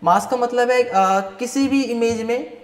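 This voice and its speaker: A man's voice: very high-pitched, a little slow. A man teaching a live online class. He mixes Hindi and English and keeps checking in with "right?". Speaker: Photoshop instructor. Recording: roomy echoey long reverb.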